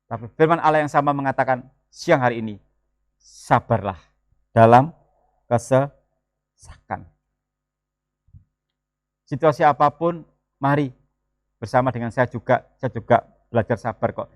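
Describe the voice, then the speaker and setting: A man, preaching a sermon in a lively, joking way and mixing in words. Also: medium pitch, brisk, no room sound. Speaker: pastor. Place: church.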